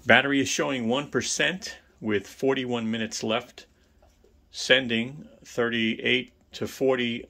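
A man with a lowish, gravelly voice walks through a product test in a casual, chatty way. He addresses the viewer directly as he reads out numbers. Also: fairly bright tone. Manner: chatty, talks straight to the viewer. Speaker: product reviewer. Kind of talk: casual tech review.

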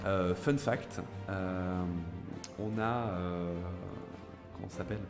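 Background music accompanies a young man from France as he streams a game live. His voice is low with fairly even intonation, and he answers viewers by name in a hesitant way, full of filler pauses and restarts.

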